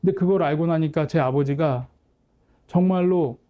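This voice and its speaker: A man's voice: fairly high pitch, moderate pace, phone-quality sound. A man in his forties, a pastor and counselor, telling a personal family story in a candid, conversational sermon.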